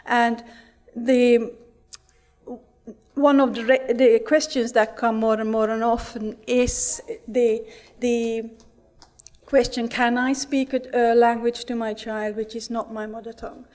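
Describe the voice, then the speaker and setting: A middle-aged Finnish woman whose first languages are Finnish and Swedish gives an earnest talk in a conference hall, speaking with a Finnish accent and many restarts and fillers. Her voice is on the high side and a little mellow, level in tone and slow.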